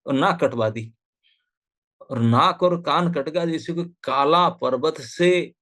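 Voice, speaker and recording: A man's voice: a little high, takes it slowly, a bit bright. A man giving a scripture talk as a swami, retelling the story animatedly and voicing the characters in quotes, mixing in English phrases, heard over a video call. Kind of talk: storytelling sermon.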